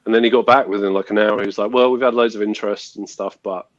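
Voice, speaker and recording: A man, a film composer guest, telling his story in a relaxed way. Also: fairly low pitch, fast talker, no room sound, lo-fi sound.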